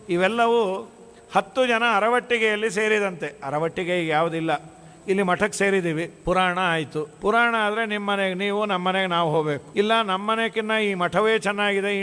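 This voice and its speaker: A man's voice: sits high, fairly bright tone, clear, resonant tone. A man giving a devotional sermon in a monastery hall, telling stories and acting out the dialogue. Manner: storytelling, acts out quoted dialogue; chants scripture verses in melody. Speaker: religious discourse speaker.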